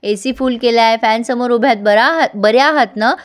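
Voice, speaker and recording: A woman's voice: on the high side, a little fast, natural voice. A woman voicing a young husband who questions his wife in a formal way, in a serial recap. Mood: puzzled.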